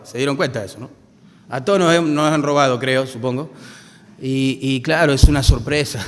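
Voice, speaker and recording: In a church hall with big-room acoustics, a male pastor with a Rioplatense Argentine accent preaches a sermon. His medium-pitched voice stays conversational as he poses rhetorical questions to the congregation.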